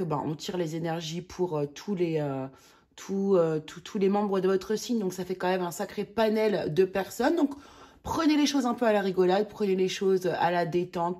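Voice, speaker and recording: This tarot reader from France speaks in a lowish voice during a relaxed monthly reading, chatting with many hesitations and exclaiming excitedly as the cards come up.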